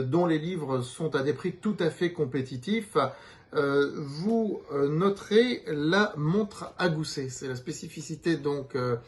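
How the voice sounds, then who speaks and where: Speaking as a publisher's representative, a man gives an unscripted promotional presentation, explaining things hesitantly. His voice sits a little high.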